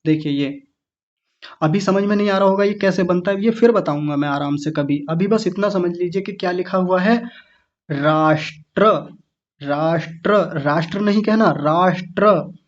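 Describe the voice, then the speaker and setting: Teaching Sanskrit recitation online, a man breaks words into syllables and says each one slowly and patiently so students can follow. He has a high, darkish voice, heard through a muffled recording.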